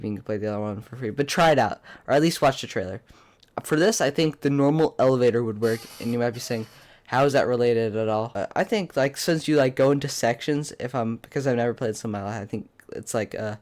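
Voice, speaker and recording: A man's voice: mid-range voice, darkish tone. A young man with a congested, pinched-nose voice from a cold, giving rambling, blunt, casual commentary as a YouTuber. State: sick with a cold. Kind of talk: casual opinionated video commentary.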